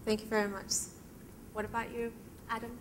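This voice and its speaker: A woman's voice: on the high side, level tone, a little fast, noisy background. Woman moderating a conference panel. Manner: hesitant introductions, polite.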